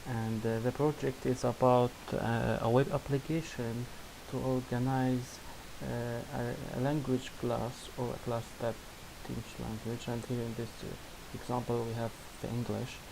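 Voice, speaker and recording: A young Syrian man, a non-native English speaker with an Arabic accent, demonstrates his student project in a screen-recorded software demo. His mid-range voice is level and gravelly, and his halting speech is full of restarts and fillers over a noisy background.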